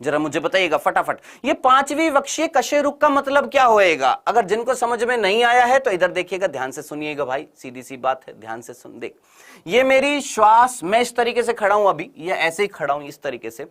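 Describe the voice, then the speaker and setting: Man, exam-prep teacher, call-and-response drilling, brisk, teasing. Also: high-pitched, very animated, fairly bright tone. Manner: repeats questions and answers in call-and-response drills; brisk, teasing, urges students to answer quickly. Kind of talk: online exam-prep lecture.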